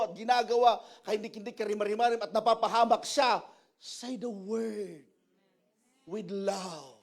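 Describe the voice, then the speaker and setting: Animated high-voiced preaching man. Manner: animated preaching mixing Tagalog and English, acting out quoted voices. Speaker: pastor. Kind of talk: sermon. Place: church.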